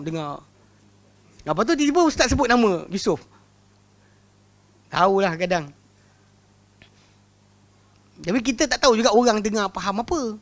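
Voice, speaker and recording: Malaysian male religious teacher telling stories. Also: high voice. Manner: lively storytelling, laughing often, repeats words. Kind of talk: lecture with humorous anecdotes.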